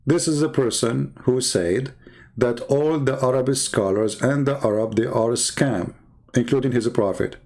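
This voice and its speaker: Speaking at a moderate pace in a slightly mellow voice, a scornful online debater rants heatedly on his own. His tone is mocking, and he lurches between muttering low and exclaiming high.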